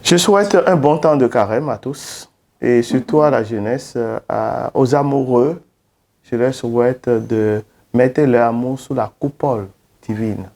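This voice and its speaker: Slow, mellow-voiced preaching priest. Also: male voice, medium pitch. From Benin. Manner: slow, preacherly delivery with emphatic rises. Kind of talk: interview statement.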